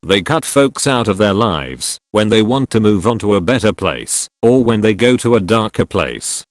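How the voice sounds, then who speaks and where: A man narrating gym stories from online posts in a steady, matter-of-fact reading voice. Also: on the low side, moderate pace, no echo. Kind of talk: scripted narration.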